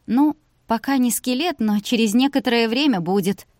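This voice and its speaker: A woman reading Vika, a sharp-tongued young woman. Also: on the high side, normal speed, no echo, studio quality, voice pushed up, close to an everyday voice. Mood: dry sarcastic. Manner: sardonic, argumentative.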